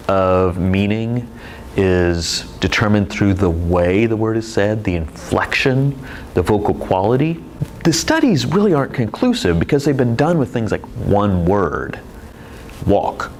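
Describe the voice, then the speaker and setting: A man's voice: fairly low pitch, very animated, a little slow, slight background noise, low-quality recording. A man teaching presentation skills in a video lecture, explaining expressively with demonstrations. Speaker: presentation instructor.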